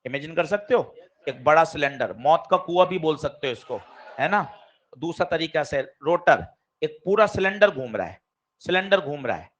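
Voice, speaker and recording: A man teaching a physics class, lively and quizzing his students directly. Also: on the high side, moderate pace. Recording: dull lo-fi classroom recording.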